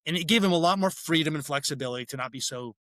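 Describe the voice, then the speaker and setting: Guy with a bright, slightly high voice, rambly stories, lots of restarts, dry close sound. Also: dry recording. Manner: rambling, self-correcting, quick laughs. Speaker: guest, head brewer and former radio DJ. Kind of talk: casual interview chat.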